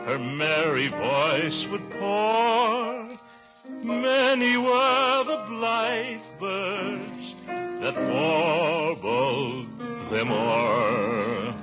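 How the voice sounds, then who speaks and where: An American actor playing a pompous middle-aged gentleman who talks theatrically and croons in a 1940s radio comedy. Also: on the high side, expressive, very slow, over music. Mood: sentimental. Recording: muffled vintage 1940s radio recording. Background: loud musical accompaniment.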